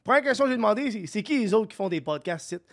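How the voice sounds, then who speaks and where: A man's voice: high-pitched, lively intonation, racing, no room sound, clean studio sound. A man with a Québécois accent chatting as a podcast guest, rambling, laughing and swearing. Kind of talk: casual chat.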